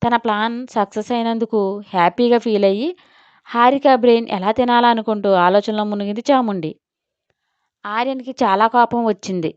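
A woman narrates an audio story in a lively, expressive scripted style. Her voice is smooth and a little high. The recording is dry, close and dull in tone. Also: normal speed, no room sound.

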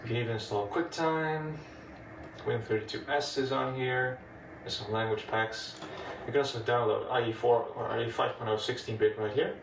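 At normal speed and medium pitch, a native Dutch speaker with an accent casually explains an old computer step by step in a room crowded with old machines. He's a laid-back, chatty retro computing video host. Background noise, echo, and a distant mic color the audio.

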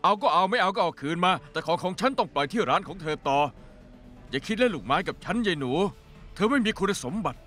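A man's voice: high voice, expressive, fast, sharp tone, soft background music. A man dubbing a sly cook who dodges a friend's questions and bullies a young shopkeeper, in a Thai TV drama dub. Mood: menacing. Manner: evasive with friends, cold and bossy in business. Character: sly cook and dealer, teasing then menacing.

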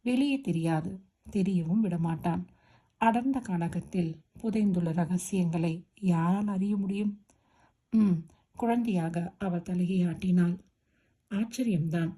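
Husky, low-voiced woman storyteller. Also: takes it slowly, long pauses. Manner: steady, expressive storytelling. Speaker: audiobook narrator. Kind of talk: scripted romance novel narration.

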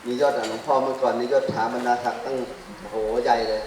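A man who is a Buddhist monk, teaching a class with a handheld mic. He quizzes the audience and fills his pauses with a drawn-out "ah". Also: mid-range voice, level tone, darkish tone. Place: large hall, standing before a seated group. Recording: very echoey hall, distant mic, faint noise.

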